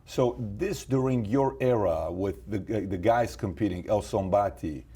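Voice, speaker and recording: A man from Iran hosting an interview, asking probing, animated questions. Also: lowish voice, unhurried, a little hiss or hum. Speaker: host, interviewer.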